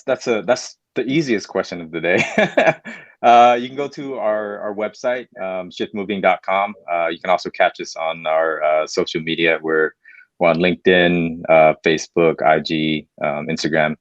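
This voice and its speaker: A man's voice: low-pitched, moderate pace, no room sound, highs cut off. A man answering an interview question casually, hesitating often with fillers and restarts. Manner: hesitant, lots of ums and restarts. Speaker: company guest.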